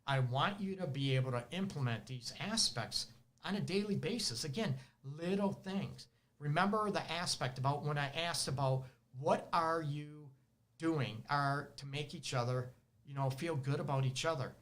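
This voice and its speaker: A man's voice: fairly high pitch, moderate pace, fairly bright tone. A man with a Detroit accent, a relationship counselor hosting an advice show, talking animatedly and often laughing as he acts out his clients. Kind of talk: casual advice monologue. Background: dogs barking at times.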